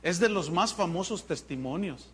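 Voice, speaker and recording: High-voiced animated male pastor. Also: normal speed, slight background noise. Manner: animated, mocking preacher voice. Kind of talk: sermon.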